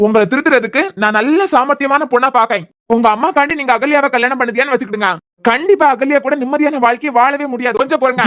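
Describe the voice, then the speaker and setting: A woman's voice: high-pitched, a bit bright. A woman voicing a sarcastic young man in a cartoon serial, with a Kanyakumari Tamil accent. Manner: sarcastic, needling questions. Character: shrewd sarcastic young man probing family.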